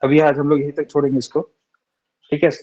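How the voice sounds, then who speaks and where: A man's voice: a little high, flat delivery. A young man teaching a Sanskrit class online, patiently sounding out syllables one by one and checking in with his students. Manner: reassuring, repeats syllables slowly, often asks "theek hai?". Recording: dull lo-fi online class audio.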